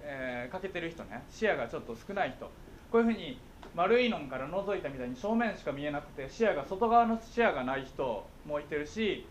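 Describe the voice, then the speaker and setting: A man's voice: fairly high pitch, animated, fairly quick, a little hiss or hum. A middle-aged man with a Kansai accent, giving a playful, jokey talk to schoolchildren as a guest speaker and often checking that they follow. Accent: Kansai Japanese. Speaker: guest speaker on visual impairment.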